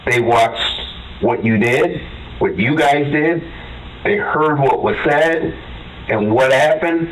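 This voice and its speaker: A man's voice: medium pitch, takes it slowly, a bit bright. A man, a police detective, pressing a suspect in a matter-of-fact, mildly taunting way. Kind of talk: police interrogation. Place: police interrogation room. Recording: noisy interrogation room recording.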